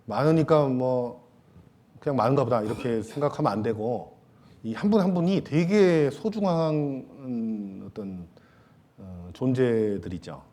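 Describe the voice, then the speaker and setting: Man preaching a relaxed Sunday sermon. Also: medium pitch. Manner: casual, joking asides to the congregation; many hesitation fillers, trailing off softly. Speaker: pastor. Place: church sanctuary.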